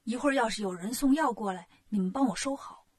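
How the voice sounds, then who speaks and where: Woman putting on boastful male monkey king, storybook, brisk, cocky, husky. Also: a little high, voice pushed down.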